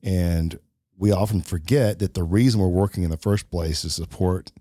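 A man's voice: deep voice, fairly even intonation, normal speed, warm tone, no echo, studio quality. A middle-aged man talking reflectively in a casual podcast conversation, with many fillers and restarts. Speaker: podcast co-host.

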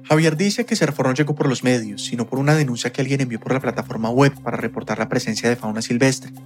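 A man narrating a documentary podcast at a brisk clip, his voice sitting at a middle pitch. He reads a script with a measured, storytelling delivery. Faint music plays underneath.

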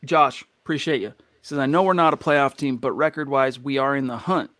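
An American man hosts casual sports talk with a mid-pitched voice. He is conversational and emphatic, punctuating his points with rhetorical questions. The sound is close and dry. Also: a little fast, fairly bright tone, no room sound. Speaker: sports livestream host.

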